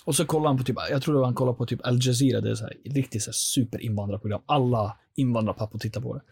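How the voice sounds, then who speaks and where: A man, a podcast guest, telling his personal life story in an earnest, animated way, with frequent fillers. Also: mid-range voice, creaky, husky, no echo.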